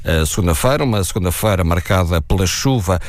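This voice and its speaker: Deep voiced portuguese radio guy doing the weather, dry studio. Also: animated, a little fast, no echo. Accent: European Portuguese. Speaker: radio host. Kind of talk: live time and weather update.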